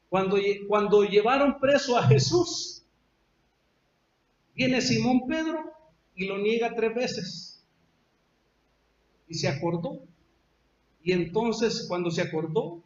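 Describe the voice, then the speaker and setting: A man's voice: high-pitched, slight background noise. A man with a Salvadoran accent preaching a sermon, telling the story emphatically and drawing out repeated phrases. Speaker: pastor. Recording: echoey dull lo-fi church recording.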